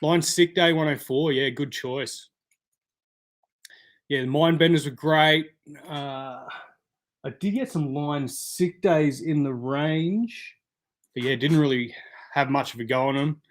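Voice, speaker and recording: Male streamer, slightly higher voice, easygoing chat replying to viewers. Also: takes it slowly, pauses often. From Australia. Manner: chatty, answers viewer comments by name. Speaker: live stream host. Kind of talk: casual live stream chat.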